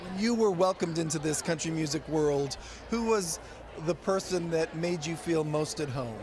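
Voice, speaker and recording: A man hosting live red carpet interviews with upbeat, flattering presenter chatter. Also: a little high, moderate pace. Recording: music playing behind.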